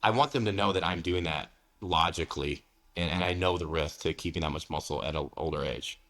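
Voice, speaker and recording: Brisk and fairly bright, this man's voice sits low as he talks frankly during a relaxed interview. He's a fitness coach from the United States in his forties who keeps dropping "man" and "you know."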